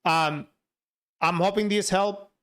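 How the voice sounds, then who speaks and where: High and a bit bright, this man's voice keeps a fairly even intonation and a slow pace. He's a Turkish livestreamer and software developer, a native Turkish speaker with an accent, talking casually with viewers as he works.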